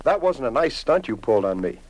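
An actor playing a brave, modest male superhero in 1940s radio drama, with a bright theatrical delivery. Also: medium pitch, very animated, brisk, rough recording. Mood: chipper.

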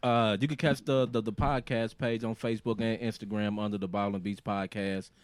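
A man hosting a podcast, talking in a relaxed, halting way with many "uh"s. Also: on the low side, clean tone, no room sound. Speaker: podcast host. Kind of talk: casual chat.

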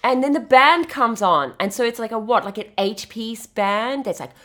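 A woman's voice: on the high side, animated, moderate pace, a bit bright. A woman in her thirties co-hosting a podcast, telling a story in a chatty way with many fillers. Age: 30s. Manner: chatty, lots of fillers and "yeah, yeah". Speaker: podcast co-host. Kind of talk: casual storytelling chat.

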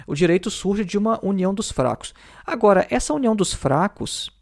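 A man's voice: high-pitched, creaky, darkish tone. A man explaining philosophy in a lecture, thinking aloud with many fillers and tag questions. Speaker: teacher.

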